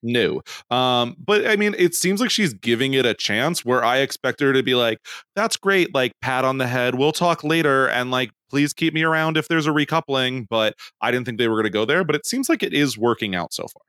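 A man's voice: medium pitch, lively intonation, brisk, sharp tone, no room sound, clean studio sound. A man guesting on a podcast in casual chat, thoughtful and rambling, with lots of fillers.

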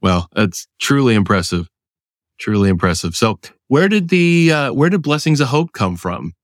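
A man's voice: mid-range voice, big pitch swings, normal speed, dry recording, studio quality. A man co-hosting a podcast, welcoming and questioning a guest in an easygoing, conversational way. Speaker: podcast co-host. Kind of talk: casual interview hosting.

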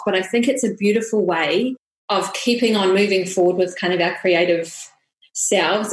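A middle-aged woman speaks with a broad Kiwi accent in a conversational interview style. She sounds like a podcast guest, recorded in a roomy, echoey space. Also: medium pitch. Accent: broad New Zealand (Kiwi). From New Zealand. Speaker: podcast guest, family portrait photographer. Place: room, standing with baby in arms.

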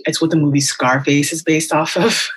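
Her voice is low and slightly breathy, with fairly even intonation and a moderate pace. She is a young adult writer and teacher from Las Vegas and Miami, USA, speaking candidly and thoughtfully on a casual podcast interview, with plenty of ums and likes.

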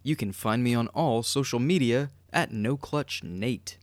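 A man's voice: medium pitch, measured pace, no room sound, studio quality. A man co-hosting a casual podcast, rambling with lots of fillers and chuckles. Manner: rambling, filler-heavy with frequent laughs. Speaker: podcast co-host.

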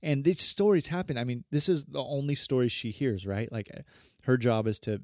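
A pastor in his thirties hosts a podcast, speaking at normal speed in a medium-pitched, slightly mellow voice, recorded cleanly in a studio with no echo. He talks casually in a rambling, earnest way and often corrects himself.

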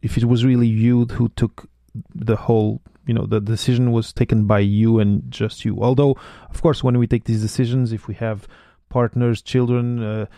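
Gravelly-voiced male podcast host. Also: medium pitch, flat delivery, normal speed, mellow, dry recording. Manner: hesitant, repeats words while thinking. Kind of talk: casual interview chat.

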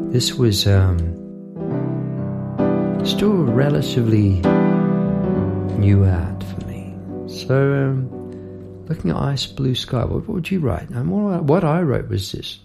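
A middle-aged man hosts a songwriting podcast, musing warmly and ramblingly with frequent restarts and asides while a guitar plays in the background. His voice is mid-range with vocal fry, and the talk is casual and reflective.

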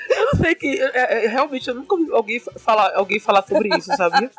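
A woman, co-hosting a casual podcast and telling animated stories, acting out quotes and laughing often. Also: high-pitched, husky. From Bahia, Brazil. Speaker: podcast co-host.

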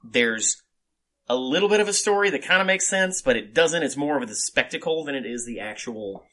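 A man hosting a podcast in casual chat, emphatic and halting, repeating himself and swearing freely. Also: mid-range voice, animated, bright, forceful tone. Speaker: podcast host.

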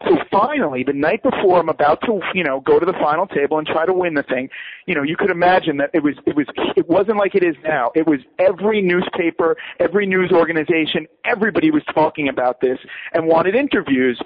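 A man being interviewed, telling a long story in a lively way and acting out other people's heated lines. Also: fairly high pitch, fast talker, husky. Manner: quotes others in raised, heated voices. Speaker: poker player and guest. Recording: muffled lo-fi radio audio.

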